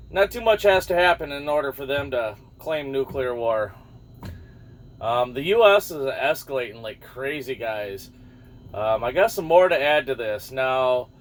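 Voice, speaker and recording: A man rambling casually about the news to his viewers, losing his thread now and then and swearing offhand. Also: mid-range voice. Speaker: vlogger.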